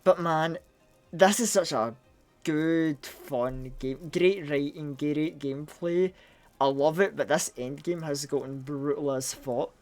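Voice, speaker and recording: Scottish accent, game streamer, casual live chat, middling pitch, excitable, swears a lot, stumbles and repeats words. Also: slow pace, soft background music. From Scotland.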